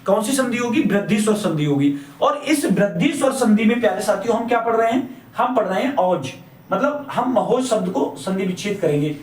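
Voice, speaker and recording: A man teaches Hindi grammar in a classroom lecture, his voice high-pitched, animated and fairly quick. He goes back over his points, asking the class questions he then answers himself. It was recorded from a distance in an echoey classroom or coaching room.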